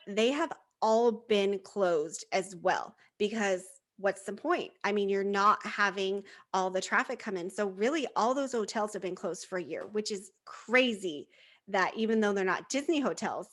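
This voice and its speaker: A woman co-hosting a casual fan podcast, chatting and telling stories with animated quoted voices. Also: medium pitch, normal speed. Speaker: podcast co-host. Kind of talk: casual chat.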